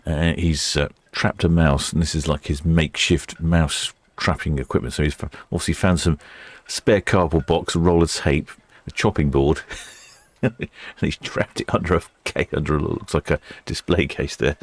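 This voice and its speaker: A man's voice: extremely low pitch, fairly even intonation, moderate pace. A man hosting a livestream with casual, chatty ship-spotting commentary, musing aloud as he goes. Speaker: livestream host.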